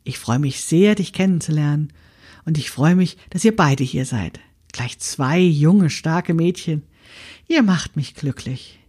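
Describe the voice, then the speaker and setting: A woman doing a gentle, mysterious old grandmother. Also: sits low, animated, measured pace, slightly rough, full character voice. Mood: kindly.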